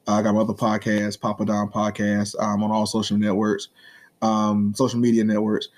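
A man's voice: on the low side, monotone, normal speed, a little mellow. A man, co-hosting a podcast in loose, profane, joking casual chat and slurring his words. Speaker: podcast co-host, comedian.

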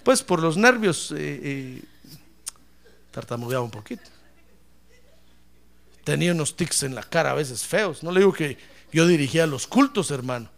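A man's voice: on the high side, animated, moderate pace, vocal fry, pauses often. A man preaching a sermon as pastor, calling out praise and addressing listeners as brother. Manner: fiery preaching, shouting praise.

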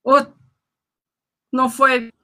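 Bubbly high-voiced Mexican woman host. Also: very slow. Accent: Mexican Spanish. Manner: bubbly, laughing, animated. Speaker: show host. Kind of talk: casual interview chat.

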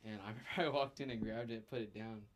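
A man's voice: lowish voice, fairly even intonation, racing. A man in a podcast chat, telling stories animatedly and laughing often. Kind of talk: casual chat.

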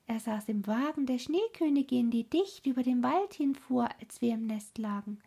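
A woman voicing cooing wood doves in a storybook reading, high and plaintive. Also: lively intonation, moderate pace, dark tone, slightly rough.

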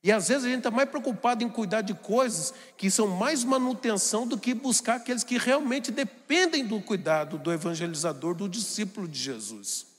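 A man preaching a homily with an animated, storytelling manner. His voice sits high for a man. Long reverb from the church rings behind him. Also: moderate pace, few pauses. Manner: animated, acts out family scenes in put-on voices. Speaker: priest.

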